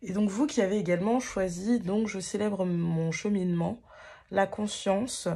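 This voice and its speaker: A woman's voice: medium pitch, moderate pace, dark tone, breathy edge. A woman giving a casual tarot card reading to her viewers, talking hesitantly with many fillers and restarts and poking fun at herself.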